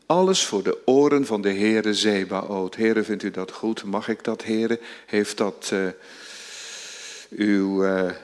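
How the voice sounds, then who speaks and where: A male preacher delivering a sermon at a slow, unhurried pace. He speaks earnestly, often tags his sentences with a short "hè", and rises to fervent, stretched-out emphasis. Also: lowish voice. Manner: earnest, rising to fervent emphasis with drawn-out words; frequent tag "hè" and restarts.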